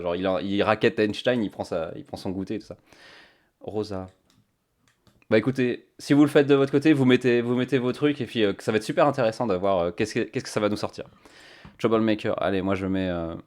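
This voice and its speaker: A man's voice: fairly low pitch, a little mellow. A man chatting casually to his stream viewers, thinking aloud with many fillers on a cheap microphone. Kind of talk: casual live-stream chat.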